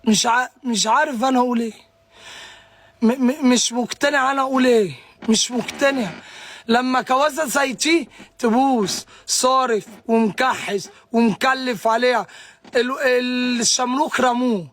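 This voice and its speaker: A man's voice: very high voice, moderate pace, a bit bright, no echo. A distraught young man with an Egyptian accent, ranting live to viewers, stammering and repeating himself as he answers their comments. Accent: Egyptian Arabic. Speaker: livestreamer.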